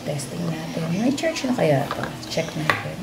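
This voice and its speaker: A woman's voice: deep voice, big pitch swings, normal speed, gravelly, very noisy. A Filipino woman with a stuffy cold, casually unboxing and testing a wireless lavalier mic for her vlog at home, chatting and repeating hellos. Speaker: vlogger reviewing a microphone. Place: home room with an electric fan. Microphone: phone with wireless lavalier.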